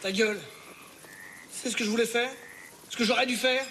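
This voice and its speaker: An actor playing a gruff, crude soldier who talks bluntly and sarcastically. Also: male voice, very high-pitched, steady tone, fairly quick, background noise. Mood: scornful. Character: gruff rude French soldier, crude and scornful. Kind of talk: film drama acting.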